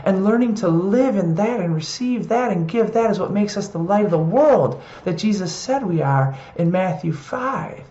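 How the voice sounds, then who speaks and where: A preacher giving an earnest, heartfelt scripture reflection and reading Bible passages aloud with quiet emphasis. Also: mid-range voice, expressive, normal speed, hardly any pauses, roomy sound, dull audio. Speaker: preacher in an online video series.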